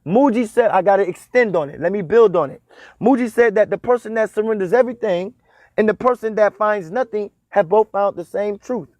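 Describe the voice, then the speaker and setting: Emphatic high-voiced spiritual teacher, man. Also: a little fast, a little mellow, no room sound. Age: 30s. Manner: repetitive, emphatic, preacher-like cadence. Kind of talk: spiritual talk on dream symbols.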